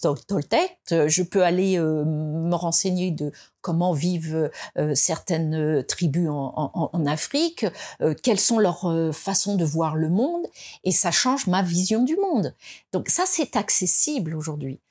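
A woman from France talks through her ideas in a relaxed interview, with a voice on the lower side. She hesitates often and restarts her sentences. She pushes her pitch up when she wants to stress a point. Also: measured pace. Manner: reflective, hesitant with many fillers and restarts. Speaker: design expert guest. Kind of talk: conversational interview.

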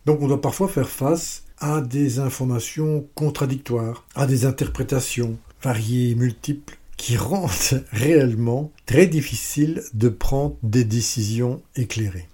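A man presenting a business lesson step by step, with playful, self-mocking asides. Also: mid-range voice. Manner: steady step-by-step explaining.

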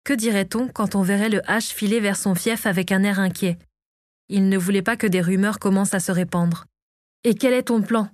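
Calm woman narrating an audiobook. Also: medium pitch, a little fast, no room sound, studio quality. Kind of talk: scripted narration of a fantasy novel.

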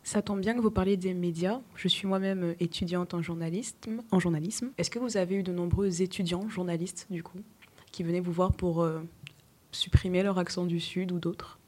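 A woman's voice: fairly low pitch, steady tone, moderate pace, mellow. Curious woman student interviewer.

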